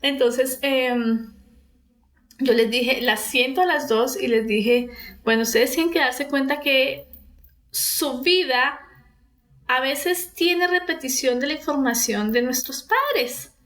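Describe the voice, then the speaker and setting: High-voiced woman therapist telling a story. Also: slow pace, fairly bright tone, poor audio. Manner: retells dialogue with many fillers and restarts. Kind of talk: storytelling about a therapy case.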